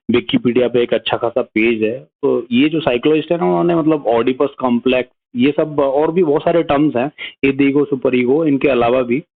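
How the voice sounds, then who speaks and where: A man explaining psychology in a casual video lesson, often checking in with his viewers. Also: medium pitch. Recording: narrow phone-like sound.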